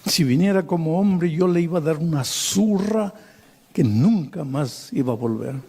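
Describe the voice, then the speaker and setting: A man's voice: fairly high pitch, expressive, normal speed, mellow, breathy edge, pitched above the performer's own voice. A man preaching, voicing a drunken man who cries and pleads in shame. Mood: tearful. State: crying. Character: drunken man, tearful and ashamed.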